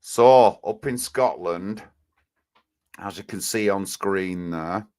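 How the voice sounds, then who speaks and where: A man's voice: low voice, takes it slowly, darkish tone. A man with an Oldham accent hosting a live stream in blunt, rambling, indignant casual chat. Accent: Oldham, Northern English. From Oldham, England.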